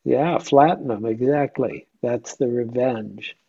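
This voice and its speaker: Speaking slowly with vocal fry, this man's husky, medium-pitched voice comes through a muffled recording. He's a meditation teacher guiding an informal Q&A dharma discussion, asking questions and regularly checking on his group.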